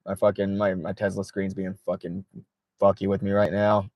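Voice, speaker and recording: A man's voice: low voice, level tone, moderate pace, darkish tone, no echo. A man hosting a casual late-night livestream from inside his car, reading viewer chat aloud, swearing freely and laughing often. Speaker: livestream host.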